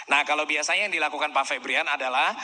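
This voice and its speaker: A man's voice: fairly high pitch, quick pace, pushed and bright, long reverb tail. A man giving a sales training seminar, acting out customer dialogues and often asking the audience to agree. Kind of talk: seminar lecture.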